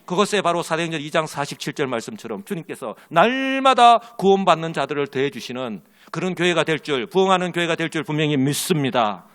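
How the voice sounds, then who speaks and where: Animated pastor preaching with lively pitch. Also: male voice, brisk, hardly any pauses. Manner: leads the congregation in call and response; tells an illustrative story with quoted characters. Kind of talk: sermon.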